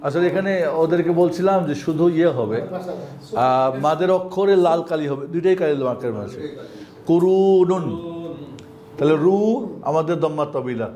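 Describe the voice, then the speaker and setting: A Bangladeshi Bengali man teaches adult students to read Arabic letters, chanting each spelling in a sing-song drill. His voice sits high for a man. Other students can be heard clearly around him in the class. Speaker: Quran reading teacher.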